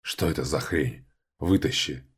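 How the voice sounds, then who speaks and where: A man voicing an ancient male vampire count who speaks low, rough and muttered. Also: normal speed. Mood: gruff.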